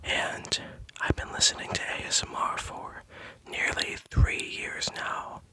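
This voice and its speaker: Male ASMR creator, breathy whisper, slow pace, right-in-your-ear closeness, hesitant and soothing. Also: sharp tone. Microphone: close-up Blue Yeti USB microphone.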